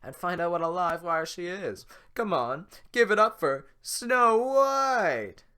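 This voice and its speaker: A man's voice: high-pitched, lively intonation, slow pace, bright, forceful tone, smooth, pitched above the performer's own voice, heavily acted. A man voicing a magic mirror spirit who talks like a game show host, announcing with raised, showy patter. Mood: showman.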